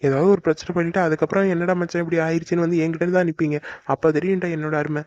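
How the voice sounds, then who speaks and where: A man's voice: a little high, level tone, rapid-fire, a little mellow, dry recording, dull audio, close to an everyday voice. A man voicing a young man in a cartoon who worries a lot and grumbles at his friend in exasperated banter. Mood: grumbling, fretful. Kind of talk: cartoon voice acting.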